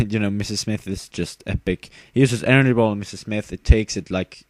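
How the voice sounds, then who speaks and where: A man's voice: fairly low pitch, a little fast, darkish tone, no room sound. A tired young man casually commenting on his own game battle, rambling with fillers and giggling at himself. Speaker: gamer narrating his battle.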